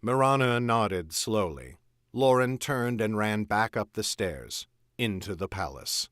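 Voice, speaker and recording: A man reading his own fantasy novel aloud in an expressive storytelling manner. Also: lowish voice, slow, dry recording, studio quality.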